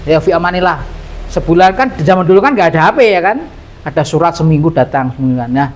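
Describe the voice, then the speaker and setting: A man with a Javanese accent, an Islamic preacher telling a lively story in a sermon. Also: fairly high pitch. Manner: animated storyteller, mixes Javanese into his talk.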